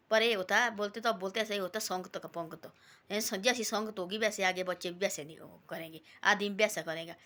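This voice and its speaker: A woman with a bright, ringing voice talks in a casual, rambling way. She retells a simple moral story and slips into quoted lines as she goes. Her delivery is homely and devotional. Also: mid-range voice. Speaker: devotional vlogger.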